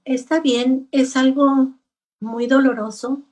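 A middle-aged woman, a grieving mother, telling her story slowly and haltingly in an interview. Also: high-pitched, fairly even intonation, a little mellow, recorded from a distance. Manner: slow, halting, heavy with grief. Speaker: guest, bereaved mother. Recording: voice from away from the mic.

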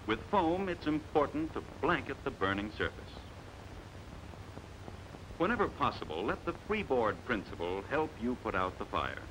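A scripted 1950s training film is narrated by an American man of medium pitch whose delivery is emphatic, authoritative, and measured. Noise fills the background of the vintage soundtrack.

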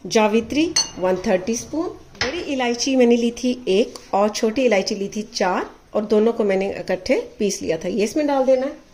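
A woman, hosting a cooking show, calmly talking through a recipe step by step. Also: on the high side, moderate pace, slight background noise, low-quality recording. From Pakistan. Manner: calm, methodical, checks in with "ठीक है". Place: home kitchen. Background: frying and stirring sounds.

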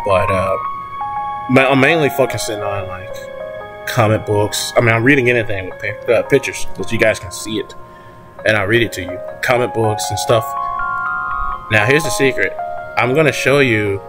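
A young man whispering hesitantly to his viewers at home at night, with lots of restarts and fillers, so he won't wake family next door. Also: on the low side. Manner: whispering softly. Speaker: channel host. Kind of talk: casual talk to viewers.

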